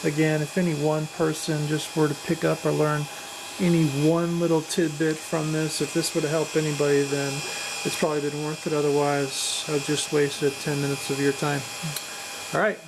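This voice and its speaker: A woman with a low, gravelly voice talks through a hobby build in a casual, unscripted way. She is hesitant and modest about her own work, and a machine hums clearly behind her. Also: flat delivery, normal speed. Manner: hesitant, self-deprecating, apologetic. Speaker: hobbyist presenter of a drone build. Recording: clear machine noise in background. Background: machine noise.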